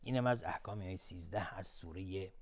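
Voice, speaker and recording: A man with a Persian accent teaching Quran recitation rules, switching between calm explanation and slow, loud chanting of verses. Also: deep voice. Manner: explains rules plainly, then chants verses slowly and loudly. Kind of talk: tajwid lesson with chanted recitation.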